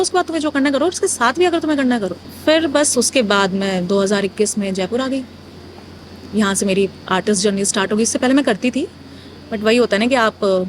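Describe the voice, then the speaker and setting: This young woman from northern India is a muralist, speaking frankly about her story in a casual interview. She mixes Hindi with English, her voice sits on the high side, and there's a little hiss or hum in the audio.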